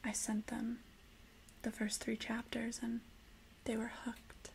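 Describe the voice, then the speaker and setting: Woman acting a hushed, creaky, obsessive librarian in whispered role-play. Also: fairly high pitch, monotone, slight background noise. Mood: intimate, insistent. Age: young adult. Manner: hushed, slow, intimate librarian whisper with pauses. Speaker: ASMR performer playing a librarian.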